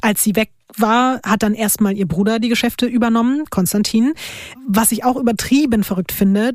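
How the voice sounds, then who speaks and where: A woman's voice: mid-range voice, no room sound, studio quality. Chatty young woman telling a story. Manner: lively, laughs often, colloquial. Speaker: podcast host telling a true crime story. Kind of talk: casual storytelling chat.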